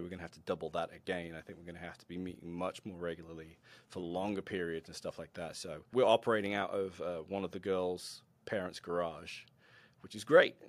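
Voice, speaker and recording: A man who mentors a robotics team, a podcast guest telling animated, self-deprecating stories with frequent laughter. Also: deep voice. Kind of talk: conversational interview storytelling.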